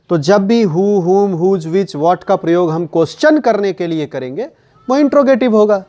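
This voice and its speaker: Slow, higher-voiced man teaching. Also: a little mellow. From India. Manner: slow explaining, repeats key words, asks and answers his own questions. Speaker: English grammar teacher. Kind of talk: classroom lesson.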